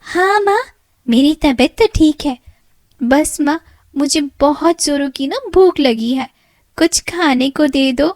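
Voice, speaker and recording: A woman's voice: high voice, takes it slowly, darkish tone, no echo, clean studio sound, voice pushed up. A woman voicing a spoiled young daughter in a cartoon story, with a whiny, childish manner.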